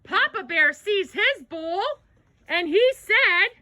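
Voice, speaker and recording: A woman's voice: very high-pitched, expressive, slow pace, bright, forceful tone, no echo. A woman narrating a children's storybook tale aloud, with dramatic exclamations and gasps.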